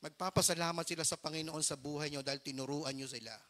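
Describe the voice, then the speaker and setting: A man's voice: a little high, steady tone, fast talker, a bit bright. A middle-aged man preaching a storytelling sermon as pastor, earnest and mixing English phrases into his Tagalog.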